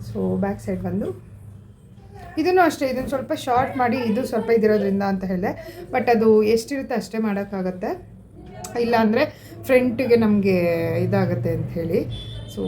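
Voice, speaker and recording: A woman in her thirties with a Kannada accent, chatting casually in a family vlog and explaining a recipe. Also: mid-range voice. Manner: chatty, mixes English words into her talk. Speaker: vlogger.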